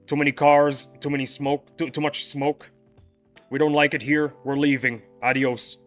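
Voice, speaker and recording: A young male game streamer chats loosely with his viewers, frequently restarting sentences. His voice is fairly high, level in tone, a bit bright, and at normal speed. Faint music plays behind him.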